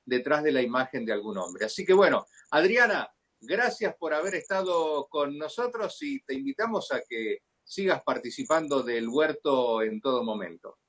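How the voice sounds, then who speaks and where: A man's voice: fairly high pitch, lively intonation, moderate pace, fairly bright tone. A man with an Argentine accent hosting a video-call talk, formal and thankful, with fillers. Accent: Argentine Spanish. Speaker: host.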